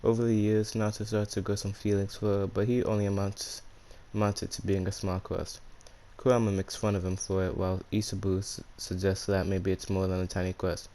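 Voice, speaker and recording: A man's voice: deep voice, flat delivery, brisk, warm tone. A man with a speech impediment that turns his R's into W's, hosting and narrating fan fiction in a casual, slangy way. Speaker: YouTube storyteller and channel host.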